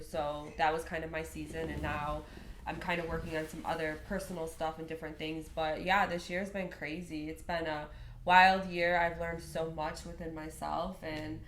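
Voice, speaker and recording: A woman from Michigan hosting a casual podcast chat, her nose stuffy and nasal from a sinus infection, talking with lots of ums. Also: sits low. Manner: chatty, many ums. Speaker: podcast host. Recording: echoey room, faint noise.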